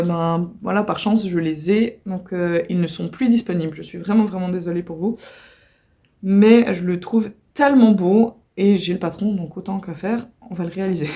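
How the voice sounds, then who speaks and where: A woman's voice: mid-range voice, warm tone. A woman vlogging casually at home about her crafts, chatty and often apologetic, with many fillers and self-corrections. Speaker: crochet vlogger. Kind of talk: casual chatty video talk. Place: at home by a computer.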